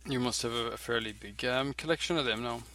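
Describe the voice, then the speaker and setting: Chatty man, bright voice. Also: medium pitch, fast, a little hiss or hum. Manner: rambling, full of "you know" and "like". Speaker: video maker. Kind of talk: casual chat on a call.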